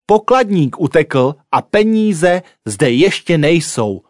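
A man voicing an impatient, clumsy male bank robber who barks orders loudly. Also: fairly high pitch, big pitch swings, no room sound, studio quality. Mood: flustered. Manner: loud, barking orders.

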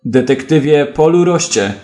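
A man's voice: a little high, expressive, a little slow, warm tone, reverberant, soft background music. A man reading a stern police officer. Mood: commanding. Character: stern male police officer giving orders.

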